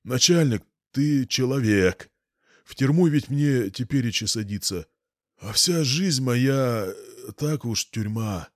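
A man's voice: medium pitch, expressive, slow, no room sound, clean studio sound. A man voicing a frightened, drunk old village morgue watchman who stammers and whines. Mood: whining. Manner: stammering, wheedling, self-pitying.

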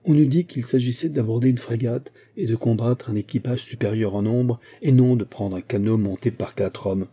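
A man giving measured, scripted narration of a classic adventure novel as an audiobook narrator. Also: medium pitch, husky. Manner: measured, even storytelling.

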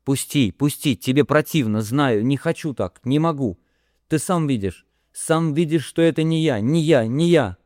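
A man reading an audiobook who voices a fragile, tearful young woman, pleading and halting as she breaks down. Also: mid-range voice, dark tone, no echo, clean studio sound, voice pushed up, close to an everyday voice. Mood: anguished.

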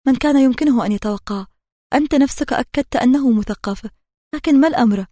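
A woman's voice: sits high, mellow, no room sound, clean studio sound. A woman reading an audiobook, voicing a flustered village midwife who pleads in a hurry. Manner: hurried, pleading. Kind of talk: audiobook narration.

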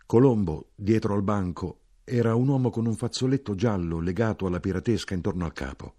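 A man narrating a literary audiobook in a measured, evocative way. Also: on the low side, mellow.

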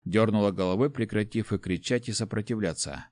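A man with a low voice narrates a fantasy story in the first person, steady and measured. The sound is dry and close, with no room echo at all.

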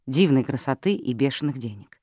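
Steady audiobook narrator. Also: medium pitch, a little fast, no room sound, studio quality. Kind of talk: scripted narration.

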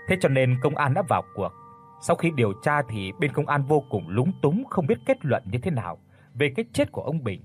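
A man narrating a horror audiobook in a dramatic, expressive storytelling voice. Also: medium pitch.

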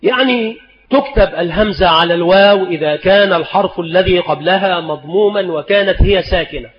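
Male lecturer, high voice, patient and repetitive delivery, dull lo-fi recording. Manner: slow, deliberate, repeats each rule and example. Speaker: Islamic scholar teaching spelling rules. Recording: dull lo-fi recording in a reverberant hall.

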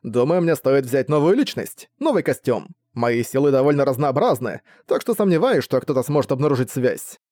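A man's voice: mid-range voice, sing-song, normal speed, few pauses, darkish tone, no room sound, close to an everyday voice. A man voicing a cocky male ex-villain who is smug, flirty and mocking.

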